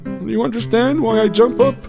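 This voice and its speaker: An actor playing an elderly, warm rabbi grandfather who tells stories and teaches his grandchildren, mixing in Yiddish and Hebrew words. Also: very high-pitched, fairly even intonation, fairly quick, gravelly, music in the background. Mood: teaching. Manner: gentle storytelling, sprinkled with Yiddish and Hebrew words. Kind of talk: audio drama for children.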